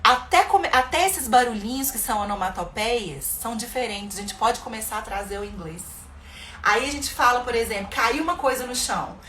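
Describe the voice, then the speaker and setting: Lively Brazilian woman in an echoey room. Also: a little high, normal speed. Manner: lively, acts out sound words playfully. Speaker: bilingual parenting educator. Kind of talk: live stream advice talk to parents. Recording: echoey room with faint noise.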